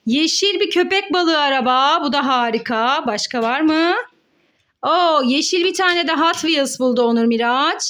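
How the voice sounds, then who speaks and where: Playing a mother, a young woman hosts a children's game playfully, coaxing and encouraging in an animated, sing-song manner. Her voice is high-pitched and moves at normal speed.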